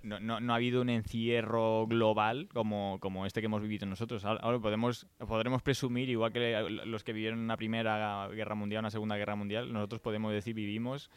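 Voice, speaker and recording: Chatty Spanish-accented man, low smooth voice. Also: level tone, fast, hardly any pauses, dry recording. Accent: Spain Spanish. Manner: chatty, laughs often, trailing restarts. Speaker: podcast host. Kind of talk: casual podcast chat.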